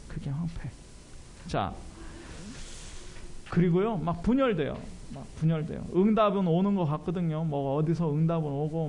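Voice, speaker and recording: Male pastor, high and swooping voice, animated church sermon. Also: gravelly. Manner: animated, self-deprecating, asks the congregation questions.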